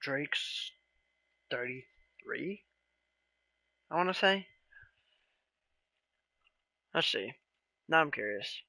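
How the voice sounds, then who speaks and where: A man talking casually to his viewers on a live stream, in a gravelly, bright voice. He rambles in a relaxed way and often trails off into half-asked questions. The sound is dry and close, with no room echo. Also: mid-range voice, very slow, long pauses.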